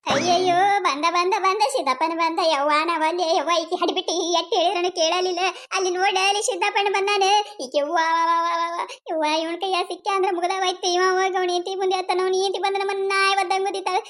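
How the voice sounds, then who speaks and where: A fearful village gossip from a cartoon, voiced by a woman, with a North Karnataka accent. The voice is squeaky and very high. She frets and keeps repeating her worries. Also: fairly even intonation, fast, hardly any pauses, fairly bright tone. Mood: scared. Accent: North Karnataka Kannada. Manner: fretful, repeats worried phrases.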